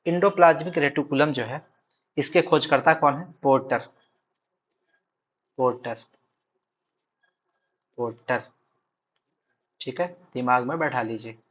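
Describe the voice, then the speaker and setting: A man with a Bihar accent giving a recorded exam-prep lecture. He drills each key term by saying it again and again, pausing to check that his students are following. His voice sits at an ordinary pitch and comes through a dull, lo-fi recording. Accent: Hindi speaker from Bihar. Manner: repeats key terms, checks in with "ठीक है".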